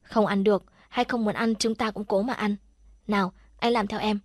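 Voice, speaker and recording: A woman narrator voicing a frightened but brave young woman held captive, pleading softly. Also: medium pitch, steady tone, moderate pace, dry recording, studio quality, lightly acted. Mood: coaxing.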